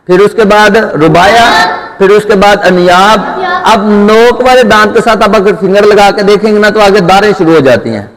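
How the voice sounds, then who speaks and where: High-voiced man drilling letter sounds. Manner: asks questions and answers them himself, stretches letter sounds. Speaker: Quran recitation teacher. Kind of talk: Urdu tajweed lesson, call-and-response drilling. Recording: long hall reverb.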